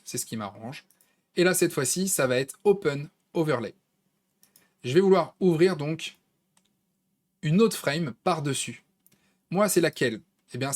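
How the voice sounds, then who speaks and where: A man with a French accent walking viewers through a design tool in a casual, conversational screen-recorded tutorial, with plenty of fillers. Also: mid-range voice. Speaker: tutorial host.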